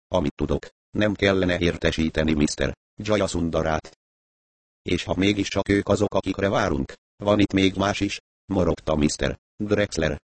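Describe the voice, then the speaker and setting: A man narrating a crime story aloud, reading dialogue and narration in a steady voice. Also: deep voice, dry recording. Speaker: audiobook narrator. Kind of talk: scripted narration.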